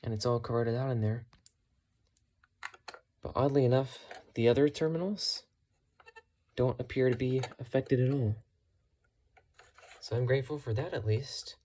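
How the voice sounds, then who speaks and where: A hobbyist vlogger shows off radios found at thrift stores in a casual, unscripted show-and-tell, matter-of-fact but musing tentatively as they go. The mid-range voice is dark in tone, moves at a normal speed with long pauses, and carries a little hiss or hum.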